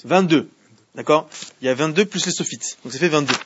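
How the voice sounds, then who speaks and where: A man's voice: a little high, fairly quick, noisy background. A man teaching a Torah class to students, often asking them questions and repeating himself as he explains. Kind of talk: Torah class in French with Hebrew readings. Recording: muffled lo-fi classroom recording.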